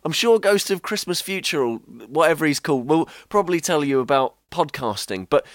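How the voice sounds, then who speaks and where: A podcast host playing a goofy, excitable male ghost in a comedy sketch, wailing and rambling. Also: fairly high pitch, fairly quick, no room sound, clean studio sound, close to an everyday voice. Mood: giddy. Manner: giddy, wailing woos, rambling.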